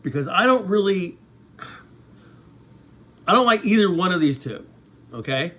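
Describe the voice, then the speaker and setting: Speaking at a measured pace in a high-pitched, expressive and slightly bright voice, a man in his sixties vlogs in a rambling, casual monologue. He keeps it conversational, often pausing to ask his viewers "okay?".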